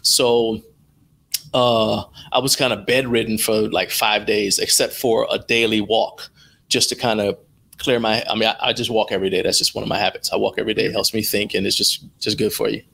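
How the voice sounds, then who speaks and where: With a lowish, level voice that's sharp, a little fast and touched by vocal fry, a middle-aged American man tells casual, colloquial stories. He's a live stream producer appearing as an interview guest on a video call headset from an indoor room at home.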